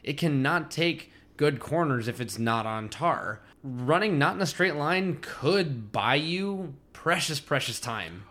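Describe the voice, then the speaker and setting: A man's voice: on the high side, lively intonation, slow, few pauses, pushed and bright. A man co-hosting a podcast, giving dry, joking commentary on a horror film. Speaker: podcast co-host. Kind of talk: casual chat.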